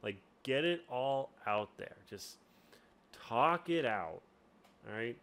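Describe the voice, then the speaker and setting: A man's voice: medium pitch, animated, takes it slowly, a bit bright. A man hosting a casual tutorial as a game master, talking in a rambling way with lots of restarts. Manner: rambling, full of fillers and restarts. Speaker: game master and channel host.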